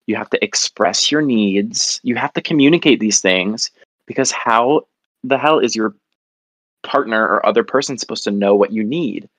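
A man's voice: on the low side, normal speed, a bit bright, no echo. A man chatting casually on a comedy podcast, rambling and self-mocking with lots of fillers.

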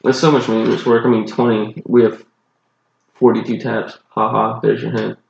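A man's voice: mid-range voice, little pitch movement, moderate pace, gravelly, reverberant, lo-fi sound. A man with a Southern accent and a groggy voice, a bartender co-hosting a podcast and rambling casually about his work. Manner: rambling, loose, swears casually. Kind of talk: casual chat.

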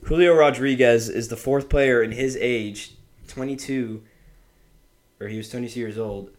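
A man's voice: medium pitch, normal speed. Young male podcast host, upbeat. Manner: upbeat, leads with trivia questions. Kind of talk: casual chat.

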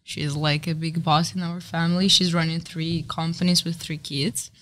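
A woman's voice: deep voice, little pitch movement, moderate pace, fairly bright tone, slight background noise. A woman from Russia with a Russian accent, a podcast guest talking matter-of-factly and confidently about her businesses. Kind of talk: casual podcast chat.

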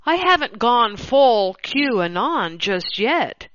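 Slow, dull-sounding woman reading aloud. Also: fairly high pitch, big pitch swings, fairly bright tone, no echo. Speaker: host reading an article aloud. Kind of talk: reading an opinion article aloud. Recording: dull, slightly lo-fi dry recording.

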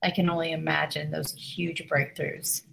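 A woman's voice: sits low, level tone, normal speed, vocal fry, a bit bright, slight background noise. A woman hosting a podcast, encouraging and agreeing with her guest in casual chat. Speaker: podcast host, trainer.

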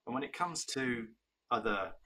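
Husky, bright-voiced male host. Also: medium pitch, animated, moderate pace. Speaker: podcast host. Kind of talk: casual discussion.

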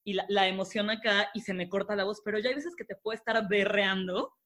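A woman with a Mexican Spanish accent, co-hosting and telling a personal story in a candid, animated way. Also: medium pitch, a little fast. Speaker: podcast co-host. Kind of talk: casual chat.

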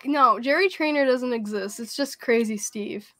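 A young woman co-hosting a casual pop-culture podcast, excitable and giggly as she trades fan theories. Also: fairly high pitch, normal speed. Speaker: podcast co-host. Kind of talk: casual chat.

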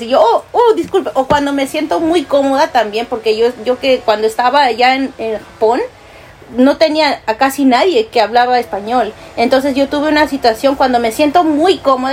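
A woman's voice: sits high, a little hiss or hum. A woman from Peru with a Peruvian Spanish accent, co-hosting a casual podcast chat and telling stories while acting out the quotes. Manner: animated storyteller, acts out quotes, laughs often. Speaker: podcast co-host.

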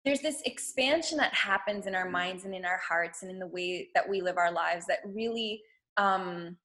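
A woman's voice: medium pitch, normal speed, pushed and bright. A woman guest on a podcast talking casually and earnestly about spirituality, with many fillers and restarts. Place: at home.

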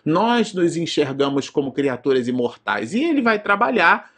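Man, Brazilian Portuguese accent, husky tone, informal lecture, digressive, filler tags. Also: fairly high pitch, big pitch swings, moderate pace, fairly bright tone. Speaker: presenter of a spiritist study program.

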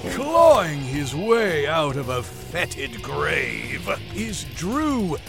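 A spooky jack-o'-lantern ghoul of a horror host, gravelly and gleefully menacing. The delivery is very slow, booming and theatrical, swooping wildly over loud music. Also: male voice, very animated, heavily acted. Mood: sinister welcome. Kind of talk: theatrical scripted horror show introduction.

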